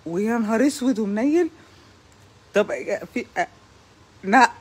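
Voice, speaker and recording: A young woman with an Egyptian accent delivering an exasperated comic stand-up monologue, with loud outbursts of complaint. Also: on the high side, measured pace, husky. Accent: Egyptian Arabic. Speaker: comedian.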